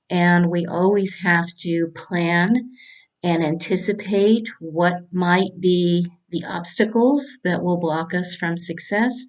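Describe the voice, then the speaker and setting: A middle-aged woman from California, a cancer doctor giving a prepared talk in a measured, earnest way. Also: lowish voice, dull audio.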